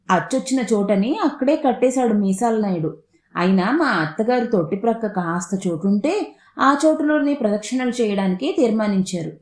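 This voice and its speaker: Woman reading a funny family story aloud, highish voice, roomy echo. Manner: lively first-person storytelling. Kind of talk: storybook narration.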